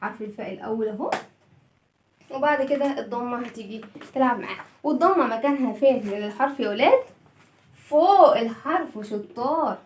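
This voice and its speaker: Woman, Egyptian Arabic accent, children's phonics teacher, high voice, sing-song, roomy echo, a bit off-mic. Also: expressive, a little mellow, recorded from a distance, slight background noise. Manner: sing-song, drawn-out letter sounds, frequent praise. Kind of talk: storytelling phonics lesson for children.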